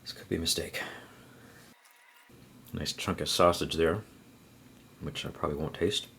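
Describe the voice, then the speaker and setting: A man's voice: very deep voice, fairly even intonation, normal speed, gravelly, fairly bright tone, a little hiss or hum. A man vlogging an eating challenge, talking while chewing with groans and sighs. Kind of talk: casual eating vlog.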